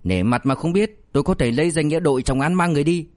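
A man voicing a police officer who barks orders in a put-on stern voice. The tone sits a little higher than usual and is clipped and commanding, recorded dry and close. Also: fast talker, a little mellow, no echo, close to an everyday voice. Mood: mock-stern. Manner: mock-stern, barking orders. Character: stern male police officer, teasing old roommate.

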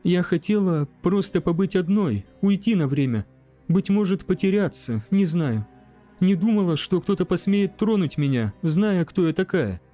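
A man voicing a proud, shaken young noblewoman in an audiobook, speaking softly and a little bitterly. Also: sits high, lively intonation, moderate pace, faint music behind, pitched above the performer's own voice. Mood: wistful. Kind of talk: audiobook character voice.

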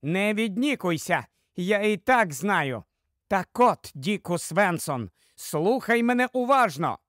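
A man reading an audiobook, voicing a sharp-tongued, nagging middle-aged wife with a shrill, scolding delivery. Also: very animated, takes it slowly, no room sound, studio quality, exaggerated voice.

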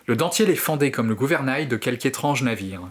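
A man and host narrating a horror short story in an expressive, theatrical way. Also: mid-range voice, fairly quick, husky. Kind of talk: dramatic reading of a horror story.

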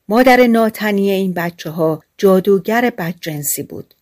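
A woman narrating a fairy-tale audiobook in a calm, measured storytelling manner. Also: medium pitch.

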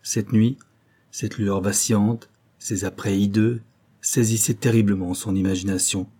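A man narrating a novel as an audiobook in a steady, measured reading. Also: fairly low pitch, husky.

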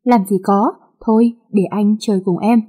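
A woman voicing a sleazy, gruff young man who harasses a girl at a fair, in a storybook reading. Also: mid-range voice, fairly even intonation, normal speed, dark tone, natural voice. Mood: smarmy. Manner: smarmy, wheedling. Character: sleazy leering young male thug at a fair.

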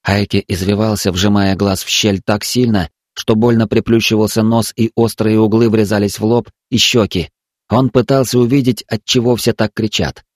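A man narrating a story in a steady, even storytelling manner. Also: lowish voice, normal speed, dry recording, clean studio sound. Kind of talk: audiobook narration.

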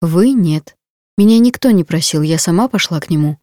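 A woman's voice: fairly low pitch, lively intonation, moderate pace, mellow, dry recording, close to an everyday voice. A woman voicing a young female paramedic who speaks in a defiant, pleading way, close to tears.

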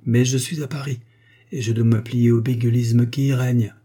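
A man's voice: mid-range voice, little pitch movement, normal speed, dark tone, breathy edge, close to an everyday voice. A man voicing a scheming former notary clerk turned fixer, jovial and fond of saying "mon bon". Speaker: character in an audiobook.

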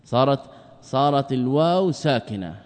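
A man, a religious scholar, teaching a class. He asks rhetorical questions, answers them himself, and stretches out words slowly for emphasis. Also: mid-range voice, lively intonation, darkish tone, in a large hall. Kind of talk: explanatory lecture.

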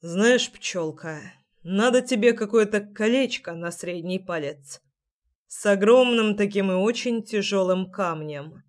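A woman voicing a pushy, stubborn young man who drawls his teasing, mocking lines in a lower, gruff tone. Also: measured pace.

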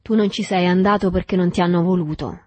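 A gruff older boatman, cool and contemptuous, handing out orders in clipped, unhurried phrases, as a woman reads him aloud. His voice sits low and husky in a dry, close storybook reading. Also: no room sound, lightly acted. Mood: scornful. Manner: calm, curt and scornful. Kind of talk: audiobook character reading.

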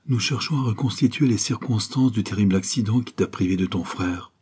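A man voicing a kindly older priest who asks his questions gently in an audiobook. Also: lowish voice, a little fast, slightly rough. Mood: gentle.

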